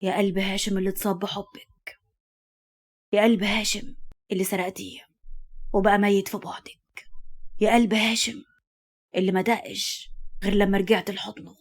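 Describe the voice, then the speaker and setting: A woman voicing a scheming, possessive man who talks to his beloved in a low, hushed Egyptian Arabic voice. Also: level tone, fast talker, pauses often, lightly acted. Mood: tender.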